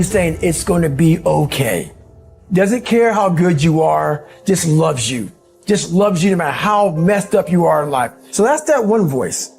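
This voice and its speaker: A man's voice: high-pitched, gravelly, a little mellow. A man giving a conversational motivational talk who acts out the voices in his head, with casual swearing.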